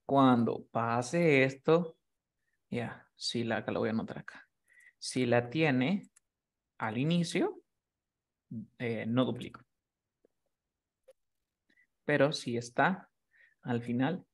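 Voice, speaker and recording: An English teacher explains rules to his class patiently, often checking that his student has understood. He speaks slowly in a mid-range voice and pauses often.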